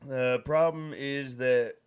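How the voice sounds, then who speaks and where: A middle-aged man talks in an unhurried, drawn-out way as he tells a rowdy family story on a stream. He slips into other people's voices and breaks into laughs along the way. His pitch sits in an ordinary middle range. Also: clear, resonant tone. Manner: animated storyteller, mimics voices, laughs often. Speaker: streamer host. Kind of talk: casual storytelling chat.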